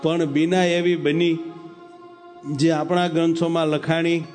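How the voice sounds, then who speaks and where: A preacher tells a devotional story in an animated, dramatic way. His fairly high voice swoops up and drops low as he moves the story along, and faint music plays behind him. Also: measured pace. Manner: animated storyteller, dramatic shifts in pitch and pace. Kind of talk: sermon storytelling.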